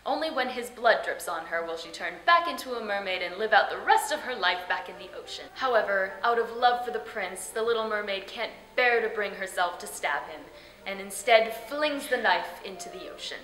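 Background music plays in a roomy recording as a young adult woman hosts, giving scripted, theatrical comedic storytelling narration. Her medium-pitched voice is animated, pushed and bright, moving at normal speed.

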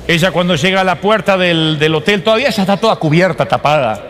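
A male preacher retelling a story with comic timing and playful asides to his listeners. His voice sits high for a man. A long hall reverb trails each phrase of the live sermon. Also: fast talker, fairly bright tone.

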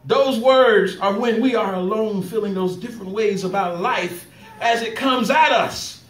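A man's voice: high-pitched, measured pace, a bit bright. A man preaching a trial sermon, emotional and fervent, telling his testimony with laughter while a congregation calls back. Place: church sanctuary. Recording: echoey church recorded from a distance. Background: congregation calling back responses.

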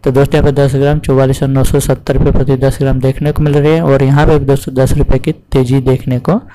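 A man's voice: medium pitch, flat delivery, fast talker, noisy background. A man hosting a channel, reading out market prices to farmers in a repetitive, formulaic way and calling listeners friends. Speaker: commodity price channel host.

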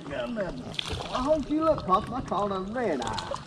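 An older man, exclaiming excitedly while fishing from a small boat on a lake. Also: sits high, brisk. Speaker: fishing partner. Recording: loud boat and water noise.

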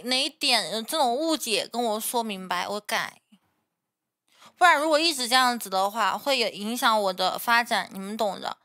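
Bright, high-voiced young woman, slightly impeded speech. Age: young adult. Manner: slow, halting speech for now. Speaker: livestreamer. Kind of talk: casual chat with live viewers. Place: small indoor streaming room. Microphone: close condenser mic on boom arm.

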